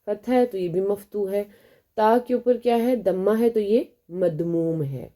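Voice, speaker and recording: A woman with a Pakistani Urdu accent gives a beginner language lesson, asking questions and then answering them herself. Her voice has a very sharp, tense edge at an ordinary pitch. She slows down to sound out each letter. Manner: explains step by step, asks and answers own questions. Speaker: Arabic teacher.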